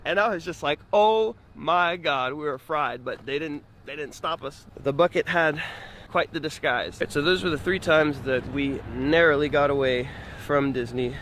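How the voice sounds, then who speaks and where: A man vlogging, telling a story in a casual, animated way, laughing often and shouting out the lines he quotes. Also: moderate pace, slight background noise. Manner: animated, laughs often, jumps high when quoting friends.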